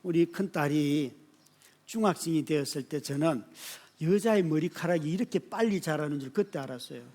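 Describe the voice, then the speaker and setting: A male pastor in his fifties giving a sermon with lively storytelling, dropping to quiet asides and rising to sudden shouts, often turning to ask the congregation "right?". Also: on the high side, moderate pace. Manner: speaks to the congregation directly, often asking "right?".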